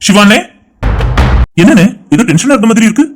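A man's voice: sits high, expressive, fairly quick, slight background noise. A man voicing a pushy, helpful young friend. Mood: concerned. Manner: pressing, insistent questions. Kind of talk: animated cartoon dialogue.

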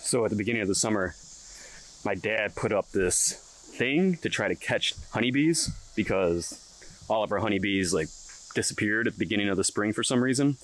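A man with a slightly low voice narrates a casual homestead vlog. He talks in an easygoing, matter-of-fact way while working outdoors by the beehives. Soft outdoor sound sits faintly behind him. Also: lively intonation, fairly quick, slight background noise, poor audio. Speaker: homesteading vlogger.

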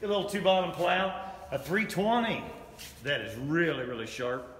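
A man's voice: fairly high pitch, big pitch swings, moderate pace, a bit bright. A middle-aged man, an auctioneer giving an upbeat sales walkthrough of items, filmed in a large barn. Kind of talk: promotional walkthrough. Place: large barn and indoor toy room. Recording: echoey barn with long reverb.

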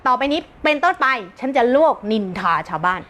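A woman's voice: high voice, sing-song, a little fast, a bit bright. A woman teacher giving a brash, joking live-stream self-help talk, often breaking into laughter.

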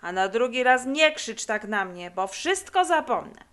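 A woman voicing a lazy, dreamy boy who talks slowly and sleepily. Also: a little high, big pitch swings, a bit bright, clean tone. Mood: sleepy drawl.

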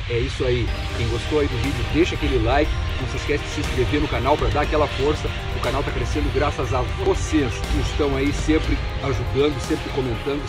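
A man's voice: medium pitch, poor audio. A middle-aged man with a gaúcho accent from southern Brazil, hosting a bushcraft vlog and talking eagerly and directly to his viewers while sitting outdoors. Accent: gaúcho Portuguese. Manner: chatty, enthusiastic, addressing viewers directly. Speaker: bushcraft channel host. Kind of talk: casual vlog talk to camera. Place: outdoors, seated on a bench under a tree. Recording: loud background music.

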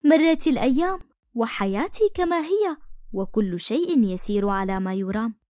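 A woman narrating a first-person story for an animated cartoon in an expressive, emotive way. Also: fairly high pitch, moderate pace, no echo, clean studio sound.

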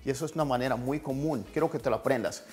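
Friendly-teacher read: man, mid pitch, drills phrases slowly, soft music under. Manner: repeats phrases slowly for practice. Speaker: English teacher. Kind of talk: casual language lesson.

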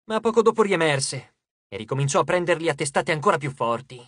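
An audiobook narrator giving a lively, dramatic scripted reading on a close studio mic. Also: mid-range voice, brisk, dry recording.

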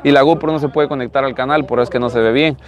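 Man, thirties, Latin American Spanish accent. Casual live-stream host, chatty and repetitive, mid-pitched, recorded outdoors on a handheld phone. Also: fairly even intonation, rapid-fire, muffled recording. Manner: chatty, repeats phrases. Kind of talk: casual live vlog commentary, showing used cars. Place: outdoors in an open car lot. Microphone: handheld phone at arm's length.

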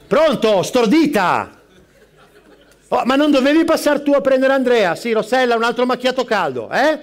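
On a live stage, a man plays a frazzled, foul-mouthed middle-aged barista in a stand-up character sketch, his voice high with lively intonation. He rattles off rapid-fire replies while juggling customers and phone calls, swearing and snapping asides under his breath.

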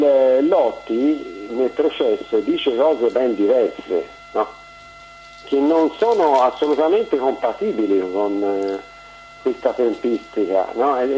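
A man calling in to a talk show over a phone line, speaking haltingly with many pauses and tag questions. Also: mid-range voice, warm tone, slight background noise. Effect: heard over a phone line. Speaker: caller. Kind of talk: call-in discussion.

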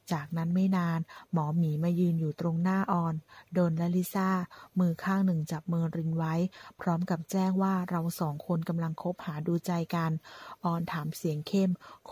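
A woman narrates a romance story in a steady, plain way. Her voice is low and husky with a dark tone. The delivery is flat. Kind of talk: reading a romance story aloud.

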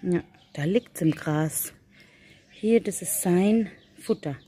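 A woman with a lowish, dark, husky voice talks slowly in a casual vlog. She feeds her cats and other animals, calling to them sing-song style while chatting to both the animals and her viewers.

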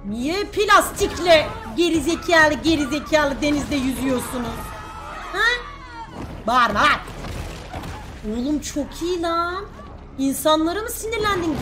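A woman streaming a video game, joking, swearing and taunting the characters in casual commentary. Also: high-pitched. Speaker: gameplay streamer. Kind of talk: casual let's-play commentary.

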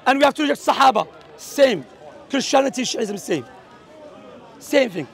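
A man from Algeria preaching in a street debate, talking forcefully and mixing English with Arabic quotations. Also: very high-pitched, expressive, moderate pace, gravelly, a faint crowd. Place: outdoors at a public speaking corner.

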